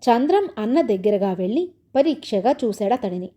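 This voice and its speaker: A woman reading a comic short story aloud in a calm narrating voice. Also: normal speed. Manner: calm, lower-pitched narration.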